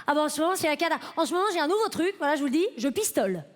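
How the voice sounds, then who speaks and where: A woman's voice: high voice, lively intonation, very fast. A woman in her late twenties doing a stand-up comedy set on stage, chatty and self-mocking as she talks straight to the audience. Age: late 20s. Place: comedy festival stage before a live audience.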